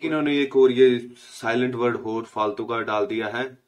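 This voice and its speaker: A man's voice: mid-range voice, fairly even intonation. Man patiently teaching letter sounds. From India. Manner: explains patiently, repeats letter sounds slowly. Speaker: language teacher. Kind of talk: casual spoken lesson.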